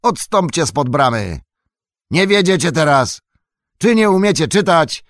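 A man voicing a gruff, officious male hobbit guard in an audiobook, barking orders into the dark. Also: a little high, sing-song, a little slow, no echo, studio quality, voice pushed up. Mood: hostile.

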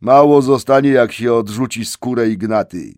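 A man voicing a lazy, well-fed male troll who speaks slowly with a dim drawl in a storybook reading. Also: mid-range voice, darkish tone, dry recording, studio quality, lightly acted. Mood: boastful.

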